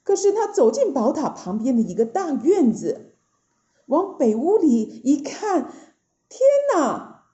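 Woman storyteller for children, slow and expressive, mellow higher voice, slightly dull recording.

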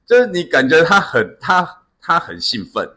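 A man's voice: on the high side, very animated, a little slow, bright, forceful tone, husky. A man co-hosting a casual chat, telling stories with lots of fillers and restarts. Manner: storytelling, many fillers and restarts. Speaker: podcast co-host.

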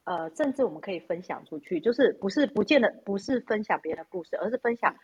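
Husky fast-talking woman, Taiwanese Mandarin accent. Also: mid-range voice, expressive, highs cut off. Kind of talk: casual chat.

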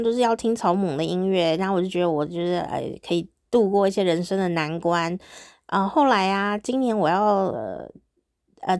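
A woman's voice: medium pitch, darkish tone, no echo, studio quality. A middle-aged woman with a Taiwanese Mandarin accent, a former radio DJ hosting her podcast in a chatty, giggly, bashful way. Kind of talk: casual solo diary chat.

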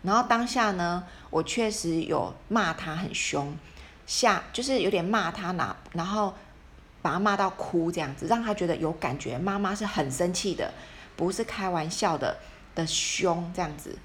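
A woman with a somewhat low voice tells a story about raising her child in a relaxed, chatty way. She acts out what was said and often stops to restart a sentence. There is a faint noise behind her. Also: moderate pace. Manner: retells scenes with quoted dialogue, frequent restarts. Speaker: mother sharing parenting experience. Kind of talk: casual storytelling monologue.

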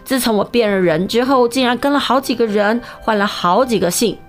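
A woman's voice: fairly high pitch, brisk, faint music behind, voice pushed up, close to an everyday voice. A woman voicing a thousand-year-old female fox spirit disguised as a maid, pleading and plaintive. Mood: sorrowful.

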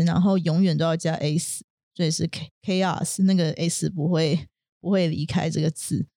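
Mellow woman teaching words. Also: fairly low pitch, no echo, studio quality. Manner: patient, defines words step by step. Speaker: co-host teacher. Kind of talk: English vocabulary lesson.

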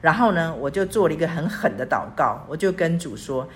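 Low-voiced earnest woman in her sixties. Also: expressive, brisk. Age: 60s. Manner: earnest, repetitive, pleading. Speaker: church speaker. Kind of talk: devotional teaching.

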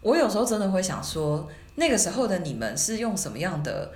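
A woman's voice: fairly low pitch, very animated, brisk, a little mellow. A woman hosting a podcast in casual chat, often laughing and chiming in with short agreements. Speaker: podcast host. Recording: echoey room with faint hiss.

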